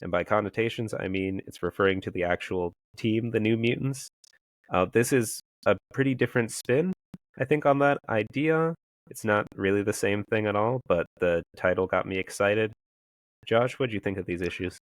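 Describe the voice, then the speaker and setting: A man with a cold-roughened, hoarse voice co-hosting a casual comics podcast, calm and measured. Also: lowish voice, no room sound. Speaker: podcast co-host.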